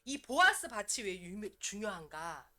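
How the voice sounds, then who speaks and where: A woman evangelist preaching in a church, in a lively, conversational way. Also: mid-range voice, moderate pace. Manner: lively, conversational preaching, often acting out prayers. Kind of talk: sermon. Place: church sanctuary.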